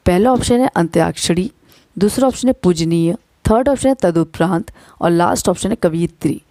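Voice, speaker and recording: Woman teacher, lowish warm voice, patient exam-coaching delivery, spells syllables slowly; dry close mic. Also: animated, dry recording. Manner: spells words out letter by letter, repeats "ठीक है ना"; slows down to dictate syllables. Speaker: Hindi teacher. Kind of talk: exam-prep spelling lesson.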